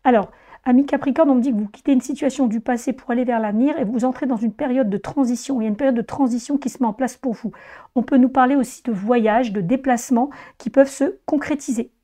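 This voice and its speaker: A woman with a hoarse voice, weakened by laryngitis, gives an informal tarot reading, explaining things directly to her viewers. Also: a little high, fast talker, mellow. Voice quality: hoarse, strained voice. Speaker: tarot reader presenting a monthly horoscope reading.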